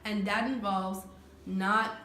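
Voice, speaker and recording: Co-hosting a couple's channel, this Caribbean woman talks casually yet earnestly, stumbling through fillers and restarting often. She speaks slowly in a flat, sharp-toned mid-range voice, captured in an echoey room with slight background noise.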